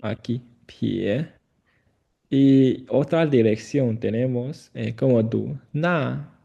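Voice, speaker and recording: Slow, gravelly-voiced male Chinese tutor. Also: medium pitch, muffled recording. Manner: slow, repeats phrases, gentle corrections. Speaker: Chinese teacher. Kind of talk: patient one-on-one language lesson.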